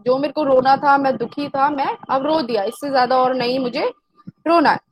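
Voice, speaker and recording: A woman's voice: high-pitched, fairly even intonation, normal speed, slight background noise, rough recording. A woman teacher explains a poem, repeating herself and asking and answering her own questions. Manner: mixes Hindi with English lines.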